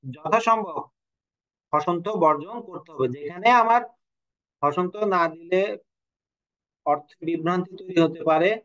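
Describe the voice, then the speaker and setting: A man's voice: a little high, expressive, measured pace, pauses often, a bit bright, low-quality recording. A man teaching an online language class, explaining rules, asking his students questions and telling a joke now and then. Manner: explanatory, asks students questions, tells jokes. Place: online class from home or studio.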